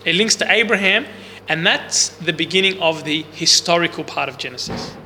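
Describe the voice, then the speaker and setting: Without any microphone, a man teaches a Bible class in a large room, his loud, bright voice slightly high and his pace normal. He explains things casually and keeps quizzing the group, while the room recorder picks up a long hall reverb and a faint hiss.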